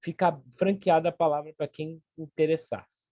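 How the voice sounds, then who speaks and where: A man from Brazil presenting a plan at an online meeting, earnest and halting, often repeating words as he goes. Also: on the high side, steady tone, warm tone, dry recording. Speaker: meeting organizer.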